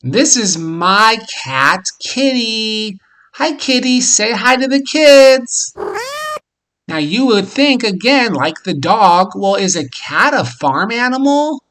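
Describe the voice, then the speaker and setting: A man with a very bright, forward voice hosts a children's learning show. He speaks slowly and simply, as if reading to a toddler, with encouraging, animated emphasis on key words. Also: high voice. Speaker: host of a children's farm show. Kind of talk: educational talk for young children.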